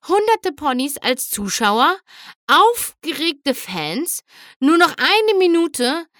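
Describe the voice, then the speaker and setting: A woman narrating a children's storybook aloud in a lively, expressive way. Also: fairly high pitch, no echo, studio quality. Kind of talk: scripted audiobook narration.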